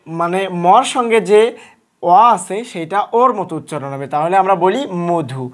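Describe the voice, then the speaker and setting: A teacher leads an online exam-prep lesson in a mid-range voice. The delivery is patient and repetitive, going over each point again and quizzing the students with frequent questions. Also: medium pitch.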